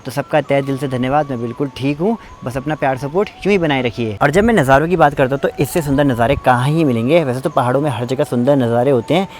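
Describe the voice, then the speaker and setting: A man's voice: medium pitch, a little mellow, a little hiss or hum. Chatty young man vlogging outdoors. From Uttarakhand, India. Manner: chatty, thanks viewers, slips on words. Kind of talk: casual travel vlog. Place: outdoors in a mountain valley.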